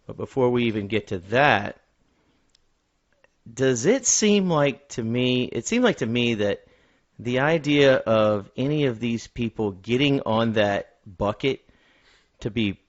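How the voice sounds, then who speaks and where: A man's voice: medium pitch, lively intonation, measured pace. Dull-sounding male podcast host. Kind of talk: casual film discussion with a co-host.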